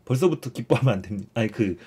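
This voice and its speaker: A young man leads a relaxed catechism lesson in an easy, conversational way. He restates his points and keeps nudging listeners along with a prompting "so". His voice sits at a mid pitch for a man. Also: quick pace, slightly rough. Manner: explains warmly, repeats phrases, often starts with "자".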